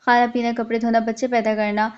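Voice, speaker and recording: A woman's voice: on the high side, level tone, fairly quick, darkish tone, clean tone, lo-fi sound, lightly acted. A woman voicing an angry young man who hurls heated accusations at his father. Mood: furious.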